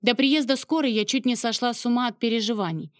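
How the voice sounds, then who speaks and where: A woman's voice: fairly high pitch, quick pace, no echo, studio quality. A woman narrating a first-person romance novel with emotional, dramatic storytelling. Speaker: audiobook narrator.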